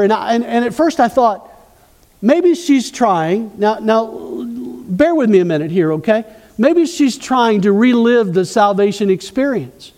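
A man's voice: high-pitched, warm tone, big-room sound. A man preaching a sermon as pastor, asking the congregation questions as he goes.

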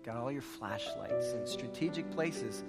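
A man's voice: mid-range voice, lively intonation, measured pace, gravelly. A man preaching a church sermon and praying in an emphatic, exhortative way, with short repeated phrases and rhetorical questions. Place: large church hall. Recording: large reverberant hall, music behind.

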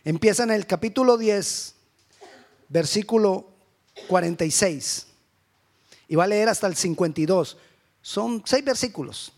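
A man's voice: high voice, animated, unhurried, long pauses. A man preaching a sermon with fervent, repetitive rhetorical questions.

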